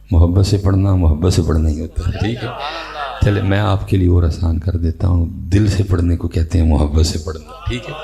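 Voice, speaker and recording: A man giving a religious talk at a conference, opening with slow chanted recitation and then preaching in a close, conversational way. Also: low-pitched, creaky, dark tone. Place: conference stage.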